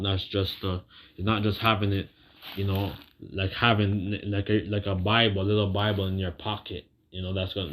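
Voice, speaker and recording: On a muffled recording, a deep-voiced preacher gives a casual sermon mixed with scripture reading. His talk rambles and halts, circling back on phrases, and he keeps checking in with listeners using colloquial tags such as "right."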